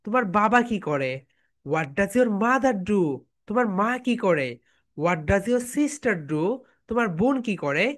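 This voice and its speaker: Teacher, woman; slow, repetitive drilling, mixing Bengali and English. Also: medium pitch, sing-song. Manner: drills phrases slowly, repeating, with students chanting along. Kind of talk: online classroom lesson.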